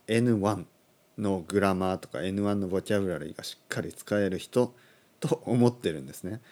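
Thirtysomething guy teaching on his podcast, lowish voice that jumps around a lot, chuckles and fixes his wording. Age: 30s. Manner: animated, chuckling, corrects his own phrasing aloud. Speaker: Japanese language teacher, podcast host. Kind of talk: casual podcast lesson.

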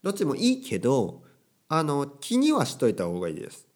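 Lively-voiced man teaching casually. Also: medium pitch, fairly quick. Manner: animated, playful quoting of characters and phrases. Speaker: Japanese teacher. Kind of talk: casual language lesson.

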